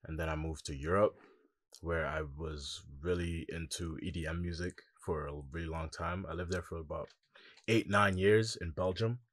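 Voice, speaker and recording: A young man with a very deep, low voice tells his story in a relaxed, reflective way, often pausing on "um" and "like". He speaks as a musician guest in a casual interview. The sound is close and dry, with no room around it. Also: no room sound. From Congo.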